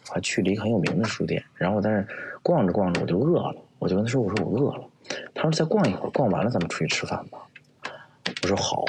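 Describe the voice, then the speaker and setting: A man, an actor guest, telling a personal story in a halting way, often repeating words. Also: sits low, noisy background.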